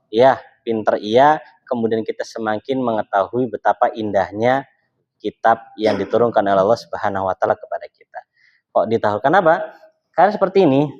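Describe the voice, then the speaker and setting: In a relaxed talk, a man who teaches Islam raises rhetorical questions and supplies the answers himself. His voice is medium-pitched and a little mellow, captured in a slightly dull lo-fi recording.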